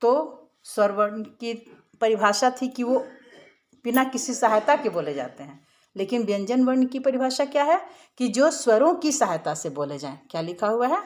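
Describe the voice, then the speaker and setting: A woman's voice: a little high, animated, normal speed. A woman teaching a grammar lesson, explaining step by step in a patient way and often checking that her listeners follow.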